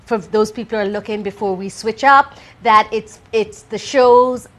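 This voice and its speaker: Woman theatre director on a talk show, articulate, mid-pitched, explanatory. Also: normal speed. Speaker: play director.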